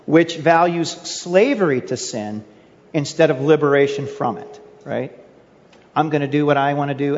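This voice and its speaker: A man's voice: fairly high pitch, creaky, big-room sound, muffled recording. A male pastor preaching a sermon in an earnest way, asking his listeners rhetorical questions. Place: church sanctuary.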